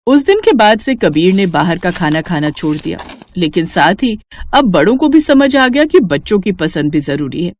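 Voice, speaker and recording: Expressive woman narrating a cartoon story. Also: on the low side, moderate pace.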